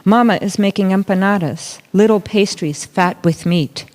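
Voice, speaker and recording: A woman reading a picture book aloud in a deliberate, pausing way, acting out short bits of dialogue and saying Spanish words a little haltingly. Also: mid-range voice, darkish tone. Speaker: reader of a children's story at a church service. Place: church service, reading aloud to a gathering.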